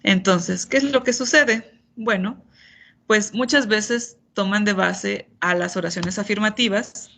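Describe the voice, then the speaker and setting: Woman, English teacher, online grammar lesson, slightly gravelly, mid pitch, patient. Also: measured pace, a bit bright, a little hiss or hum. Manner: patient, explanatory, playful asides.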